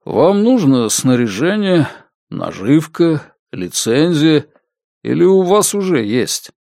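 A man reading the lines of a gruff, plain-spoken older bait shop owner in an audiobook. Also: on the high side, very animated, slow, darkish tone, no echo, clean studio sound, pitched above the performer's own voice, exaggerated voice. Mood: matter-of-fact.

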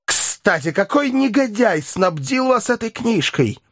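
A pompous older professor thunders through lecturing tirades, as a man puts him on for a storybook reading. The voice sits very high and swings wildly, with a dry, close sound. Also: sing-song, unhurried, a bit bright, dry recording, full character voice. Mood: furious.

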